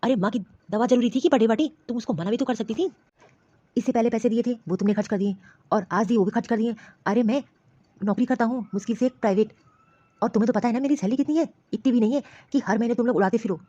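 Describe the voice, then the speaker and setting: A woman playing a fast-talking scolding husband. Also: medium pitch, lively intonation, darkish tone, husky, lo-fi sound. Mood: concerned, scolding. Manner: scolding, rapid and insistent. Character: grown son and worried husband, office worker. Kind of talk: animated story voice acting.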